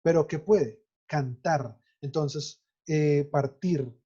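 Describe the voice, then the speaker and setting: A man's voice: a little high, slow pace, mellow, husky, lo-fi sound. A man, teaching French grammar in an online lesson and spelling out verb endings letter by letter.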